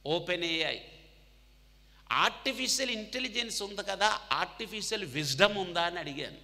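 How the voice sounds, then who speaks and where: A man's voice: on the high side, pushed and bright. A man preaching a sermon to students in a large hall. He asks rhetorical questions, has the crowd answer aloud, and mixes English words into his talk. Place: large hall with hundreds of listeners. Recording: long hall reverb.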